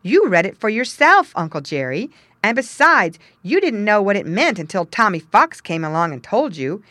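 An earnest young male beaver from a storybook speaks high and loud, pressing every point with firm emphasis, as a woman reader puts him on. He is shrewd and insistent, and his voice rides noticeably above the narration. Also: sing-song, normal speed, no room sound, heavily acted.

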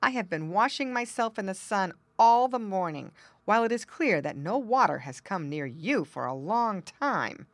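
A woman's voice: medium pitch, lively intonation, normal speed, hardly any pauses, no room sound, pitched above the performer's own voice, close to an everyday voice. A woman voicing a vain male tomcat who speaks in a haughty, disdainful way in a storybook reading.

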